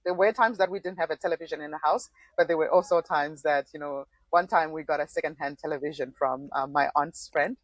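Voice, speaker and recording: In poor, echo-free audio, a low-voiced woman talks fairly quickly with hardly any pauses. She's a former political candidate from Zimbabwe in her forties, a thoughtful podcast guest recounting her story, laughing often and restarting frequently.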